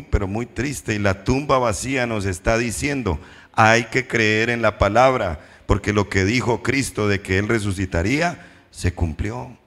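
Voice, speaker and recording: A man preaching a sermon as pastor, posing questions to the congregation and slowing down for emphatic repetitions. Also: medium pitch, a bit bright. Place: church hall. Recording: reverberant church hall.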